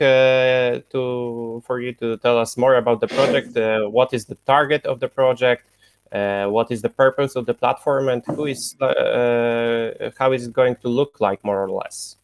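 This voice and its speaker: A man's voice: medium pitch, steady tone, a little slow, clean tone. A man interviewing over a video call, talking hesitantly with many fillers, his voice coming through a poor, unstable connection. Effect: unstable video-call line with a distant, degraded sound.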